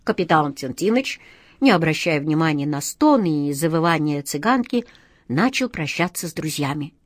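A woman narrating a children's storybook with expressive, lively delivery. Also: sits low, moderate pace, dry recording, studio quality. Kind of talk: storybook reading.

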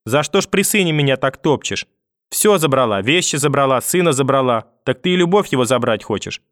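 A man's voice: mid-range voice, expressive, fairly quick, fairly bright tone, dry recording, studio quality, lightly acted. A man voicing a wounded young mother who pleads and reproaches. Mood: hurt.

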